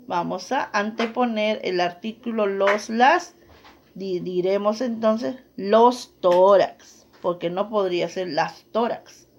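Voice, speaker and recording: A woman's voice: medium pitch, slight background noise. A woman teacher giving a grammar lesson, reading out rules and examples and often checking in with her listeners. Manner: slow, deliberate, checks in with listeners.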